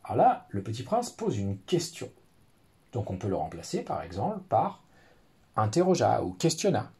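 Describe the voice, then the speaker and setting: A man's voice: medium pitch, huge pitch swings, moderate pace, dark tone, slightly rough. A man teaching a recorded lesson to pupils, explaining in a friendly way with many fillers.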